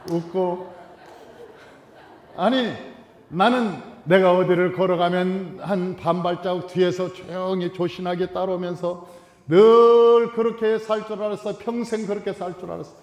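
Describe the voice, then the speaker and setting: A male pastor preaching a sermon in a church, telling humorous stories and swinging suddenly from loud to soft. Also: sits high. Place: large church sanctuary. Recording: reverberant church hall.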